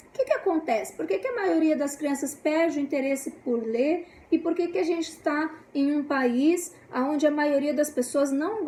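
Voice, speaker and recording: A Brazilian woman in her thirties, a psychopedagogue, giving casual parenting tips and checking in with "né?" as she explains. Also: darkish tone. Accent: Brazilian Portuguese. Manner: acts out the scolding parent in a shrill, raised voice. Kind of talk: casual instructional talk to camera. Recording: echoey room, faint background noise.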